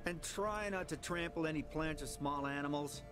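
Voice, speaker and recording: A man's voice: fairly high pitch, normal speed, fairly bright tone, faint music behind, lightly acted. A man voicing a talking young mare with a laid-back surfer-dude manner, breezy and teasing, in a video game.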